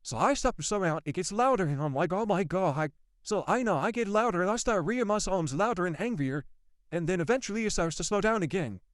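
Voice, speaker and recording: A man with a fairly high voice tells a ghost story straight to his viewers, his pitch swinging widely as he gets worked up. He repeats himself, swears and talks to his audience directly. The sound is dry and close. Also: animated, quick pace, dry recording. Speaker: vlogger. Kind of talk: casual storytelling to camera.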